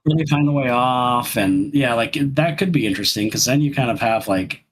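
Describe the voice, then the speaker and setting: A man co-hosting a podcast in casual chat, rambling and halting, with many restarts. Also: mid-range voice, animated, poor audio. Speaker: podcast co-host.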